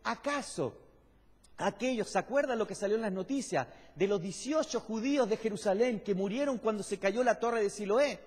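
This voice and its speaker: Here a man with a high-pitched, slightly mellow voice and a breathy edge speaks at normal speed with lively intonation. He's preaching from a pulpit on stage in a large church hall, teaching emphatically and asking the congregation questions, and the echoey hall has long reverb.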